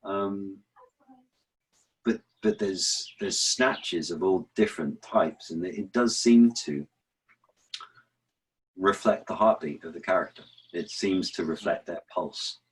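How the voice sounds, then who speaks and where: A man's voice: sits low, slow pace, pauses often, slight background noise, poor audio. A man answering as an interview guest, explaining verse rhythm, often restarting and repeating words as he thinks. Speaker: interview guest, actor and author.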